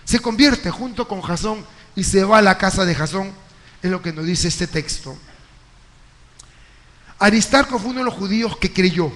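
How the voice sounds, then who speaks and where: Male pastor with a high voice, preaching in a lively storytelling way, recorded live in a hall with long reverb. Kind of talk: sermon. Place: church hall.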